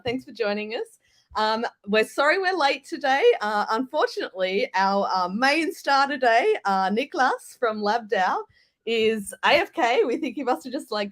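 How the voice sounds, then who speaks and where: A woman's voice: on the high side, lively intonation, normal speed, fairly bright tone. An Australian woman leads a casual livestream conversation. She keeps things loose and talkative, laughing freely between her remarks. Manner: chatty, laughs often. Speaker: co-host.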